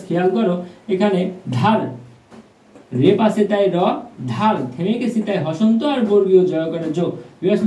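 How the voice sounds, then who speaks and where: A man teaching a grammar lesson, addressing viewers constantly and spelling words out slowly. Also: high voice, warm tone. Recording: echoey room, mic far off, faint noise.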